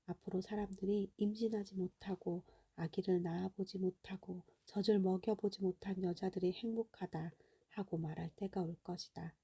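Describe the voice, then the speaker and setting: A woman reading a gentle, grave teacher. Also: mid-range voice, steady tone, husky. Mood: sorrowful. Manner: slow, gentle, half-whispered. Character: gentle sorrowful male teacher, grave and calm.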